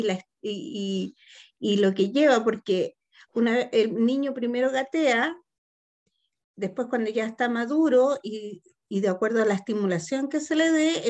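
A woman's voice: a little high, darkish tone. A woman taking part in an online seminar, answering the speaker's question hesitantly, with many fillers. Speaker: seminar participant.

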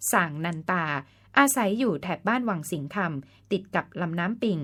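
A woman hosting a folk-tale channel, narrating a scripted story in a polite, explanatory way and sometimes spelling out words letter by letter. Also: medium pitch. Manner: polite, explanatory, ends phrases with the particle ka.

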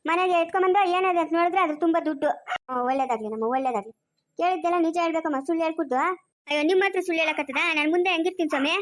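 A woman acting out a fussing village woman with a rural Chikkaballapur Kannada accent, who chatters, coaxes and scolds. Her voice sits very high and races along at a breakneck clip. The skit is an amateur village drama. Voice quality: quick chattering, coaxing and scolding. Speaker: actor in a family village skit.

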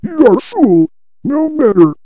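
A woman's voice: sits high, sing-song, measured pace, dark tone, no echo, low-quality recording. Woman playing a pompous villain overlord. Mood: scornful. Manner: pompous, theatrical threats. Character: arrogant male villain overlord, vengeful and pompous. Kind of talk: amateur fan audio drama. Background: background music.

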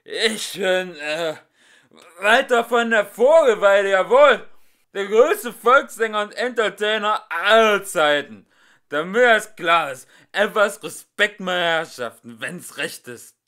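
A man's voice: medium pitch, lively intonation, a little slow. A man voicing a drunken boasting minstrel. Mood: angry. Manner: blustering, shouting, slurred and sloppy. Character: drunken boastful male minstrel, loud and pompous. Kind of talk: audiobook character voice.

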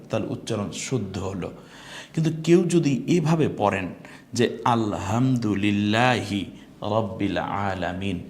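A middle-aged man with a mid-range voice teaches an online Quran class, explaining pronunciation and repeating letter sounds slowly and with emphasis.

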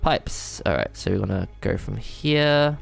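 Man, let's-play commentary, thinks aloud, excitable bursts, rough fry, soft game music underneath. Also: on the low side, a little slow. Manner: thinks aloud, self-deprecating, excitable outbursts. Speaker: gamer playing a strategy game. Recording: faint game music behind.

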